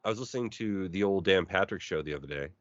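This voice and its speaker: A man's voice: low voice, fast, no room sound. A man co-hosting a podcast in casual chat, telling stories animatedly and acting out the people he quotes. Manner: animated storyteller who acts out quoted voices. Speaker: podcast co-host. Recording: dry, slightly muffled sound.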